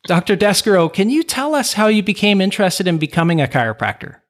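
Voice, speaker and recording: A man's voice: high-pitched, huge pitch swings, fast talker. Male podcast host reading an introduction. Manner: reads a formal introduction, then asks questions warmly. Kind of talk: scripted introduction and interview questions.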